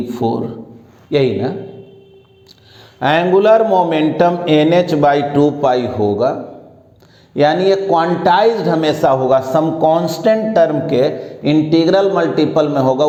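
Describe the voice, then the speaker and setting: A male physics teacher lecturing slowly and patiently, spelling out each idea with English technical terms mixed in. His voice is mellow and fairly high for a man, recorded in a roomy space with a long, ringing reverb. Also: muffled recording. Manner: slow, explanatory, mixes English terms into Hindi. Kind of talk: classroom lecture. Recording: echoey room with long reverb.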